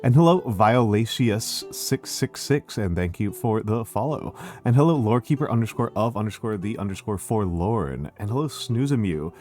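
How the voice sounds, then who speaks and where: A man with a Northeastern American accent chatting as a livestream host in a smooth, measured public-speaker or teacher voice, often halting and repeating his phrases. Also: on the low side, expressive, darkish tone. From Northeastern United States. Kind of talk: casual livestream chat. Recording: music behind the voice. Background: music.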